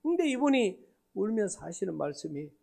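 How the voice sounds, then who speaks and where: Animated Gyeongsang-accented pastor preaching. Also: male voice, sits high, fairly quick, vocal fry. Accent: North Gyeongsang Korean. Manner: dramatic, swings between hushed and loud, acts out quoted dialogue. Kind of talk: revival sermon storytelling.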